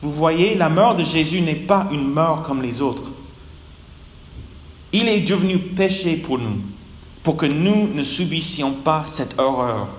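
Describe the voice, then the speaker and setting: Slow-speaking preacher man in echoey hall. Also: fairly high pitch, lively intonation. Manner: slow, earnest, voice dropping at phrase ends. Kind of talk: sermon. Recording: echoey hall with long reverb.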